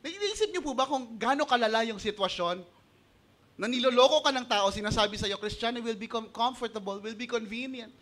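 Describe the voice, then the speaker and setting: A Filipino-accented male pastor delivers an animated sermon in a high, bright voice. He mixes Tagalog with English and acts out the voices he quotes. His tone is clear and forceful. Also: fairly quick.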